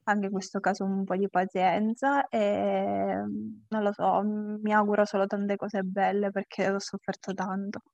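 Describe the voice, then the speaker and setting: A woman with a Calabrian accent from southern Italy talks casually as an interview guest, in a halting way, repeating phrases and losing her thread. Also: mid-range voice, little pitch movement, vocal fry, a little mellow, no echo, lo-fi sound. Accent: Calabrian, southern Italian. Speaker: interview guest, patient advocate with an awareness page.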